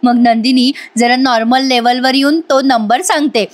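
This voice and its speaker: A woman telling the story of a TV-serial episode in a voice-over recap, talking straight to her viewers. Her voice sits high and her storytelling is lively. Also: normal speed. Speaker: TV serial reviewer.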